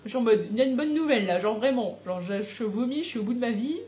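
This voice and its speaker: A young woman telling a personal story in a casual, animated way, with slang and frequent laughter. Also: a little high, fast talker. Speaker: vlogger.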